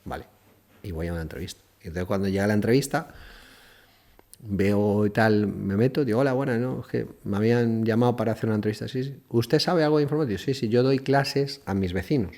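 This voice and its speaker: A man's voice: fairly low pitch, fast. A middle-aged man from Spain, telling casual stories and acting out dialogue as a podcast guest. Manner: lively anecdotes, acts out dialogue, laughs often. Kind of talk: casual storytelling.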